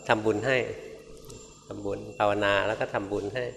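A man, a Buddhist monk, giving a Dhamma talk in a conversational, gently humorous storytelling manner. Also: on the low side, steady tone, moderate pace, vocal fry. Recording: reverberant hall with faint noise.

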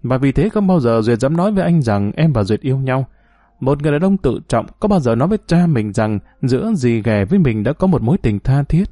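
Voicing a wounded, bitter young woman who used to be married, a man pleads in his natural mellow, dry-sounding voice, pitched mid-range. He is very animated and brisk, and the recording has no echo.

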